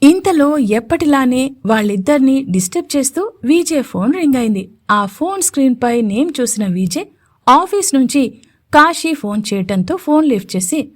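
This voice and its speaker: A woman narrating a romantic audio story in an expressive, emotive storybook reading. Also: high-pitched, normal speed.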